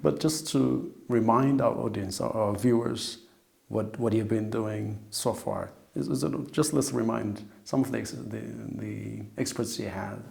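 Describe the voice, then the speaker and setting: A man interviewing an ambassador, asking halting questions that he often restarts. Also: fairly low pitch, gravelly, a little mellow.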